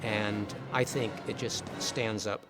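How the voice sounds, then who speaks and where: A man's voice: fairly low pitch, steady tone, slow, loud music behind the voice. An older man, a former police officer turned author, reminiscing in a conversational, reflective way about a classic film. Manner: warm-hearted, reminiscing, conversational. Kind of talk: reflective interview commentary.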